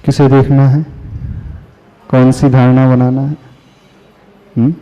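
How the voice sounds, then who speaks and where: A man, a Jain monk, delivering a devotional sermon, asking his listeners questions and chanting verses slowly. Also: mid-range voice, little pitch movement. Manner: slow, asks the audience questions. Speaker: Jain monk giving a discourse. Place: hall with listeners. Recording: reverberant hall, dull lo-fi sound.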